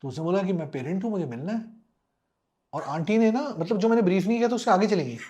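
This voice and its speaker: Middle-aged ex air force guy on a podcast, kinda high voice, telling a story, mixing hindi and english, doing everyone's voices. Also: expressive, fast, dark tone, lo-fi sound. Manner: mixes Hindi and English, acts out the voices of people in the story, chuckles often. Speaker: podcast guest, former air force officer. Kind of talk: animated storytelling anecdote.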